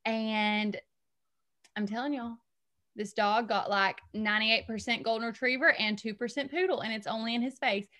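A woman's voice: a little high, steady tone, pushed and bright. A young woman from Alabama with a Southern accent, a bubbly and playful guest chatting on a podcast. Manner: bubbly, playful, quick to laugh. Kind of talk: casual interview chat.

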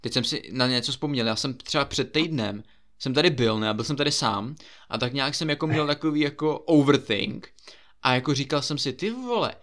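A man's voice: medium pitch, fairly bright tone. A man co-hosting a casual football chat, rambling animatedly with frequent fillers and the odd swear word. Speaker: football podcast co-host.

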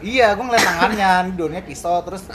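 A man, a podcast co-host telling a story in animated, joking slang. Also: sits high, fast, over a noisy crowd. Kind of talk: casual storytelling chat.

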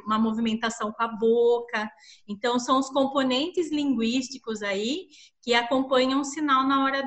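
A woman's voice: a little high, a bit bright. A woman guest patiently explaining things in conversation, often checking in with "né". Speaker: guest explaining sign language.

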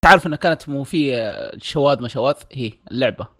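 A man's voice: medium pitch, lively intonation, rapid-fire, fairly bright tone. A young man, co-hosting a casual podcast, telling stories with animation and laughing a lot. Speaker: podcast co-host.

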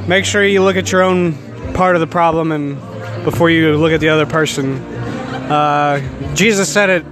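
A married man sincerely giving faith-based marriage advice to the newlyweds, speaking haltingly. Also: a little high, steady tone. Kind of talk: earnest casual advice. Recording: outdoor party with music and crowd.

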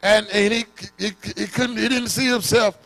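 A man preaching a sermon, questioning his congregation in call-and-response and bursting into shouts. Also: sits high, fairly even intonation, moderate pace, gravelly.

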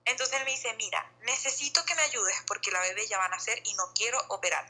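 Woman, quick, bright, rambling chat voice, call-quality sound. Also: a little high, slightly rough, rough recording. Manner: fast, rambling, many fillers and restarts. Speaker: guest sharing birth story. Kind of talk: casual conversational storytelling.

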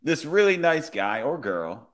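A man co-hosting a casual podcast chat who agrees warmly with his partner and builds on the points he makes. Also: a little high, big pitch swings, a little slow. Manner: affirming, reflective, builds on the other speaker's points.

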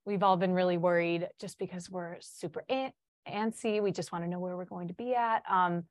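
A woman in her early twenties from Chicago, a student teacher in training, chats informally and upbeat as a podcast interview guest. Her voice is on the low side and brisk, with fairly even intonation. The studio-quality recording has no room sound.

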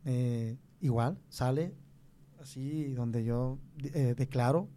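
A young Mexican man with a Mexican Spanish accent, telling a personal faith testimony in conversation, earnest and halting with many restarts. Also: mid-range voice, warm tone.

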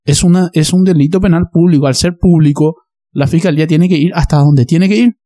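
A man's voice: a little high, a little fast, warm tone, dry recording, studio quality. A man, explaining a topic in a casual discussion and often checking that listeners follow. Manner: explanatory, checks in with "¿verdad?" and "¿entendés?".

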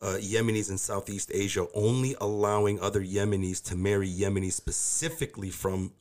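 A man with an American accent and a gravelly voice, chatting casually and informally as a podcast guest. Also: on the low side, flat delivery, fairly quick, darkish tone. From Metro Detroit, US. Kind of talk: casual chat.

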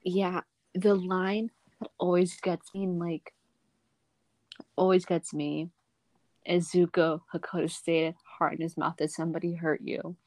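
A woman's voice: lowish voice, little pitch movement, a little slow, long pauses, a little mellow, no echo. A young woman co-hosting a casual podcast chat, laughing often and trailing off mid-sentence. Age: young adult. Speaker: podcast co-host.

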